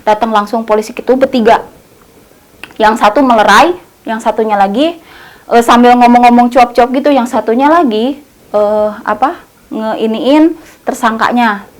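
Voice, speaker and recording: Woman, high-pitched, casual horror storyteller, colloquial, repetitive, fillers. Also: normal speed, pauses often.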